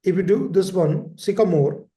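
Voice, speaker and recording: A man delivers an exam-prep lecture in a high voice. He repeats key terms and keeps checking in with his listeners. The recording carries a roomy echo. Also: normal speed, dark tone. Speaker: teacher. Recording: echoey room.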